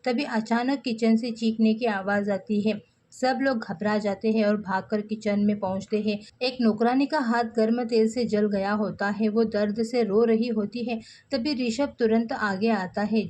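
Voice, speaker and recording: A woman's voice: a little high, fairly even intonation, measured pace, a little mellow, slight background noise. A woman narrating a TV serial plot recap in a scripted storytelling manner and speaking directly to her viewers.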